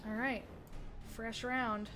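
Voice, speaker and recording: A woman's voice: a little high, level tone, slow pace, bright, forceful tone, faint music behind. A woman narrating as game master in a tabletop game, describing the action with lots of restarts and fillers.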